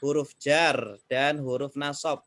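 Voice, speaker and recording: A man teaching an Arabic reading class, slow and patient, repeating each student's answer. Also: mid-range voice, steady tone, a bit bright, no room sound. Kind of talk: online class drilling students.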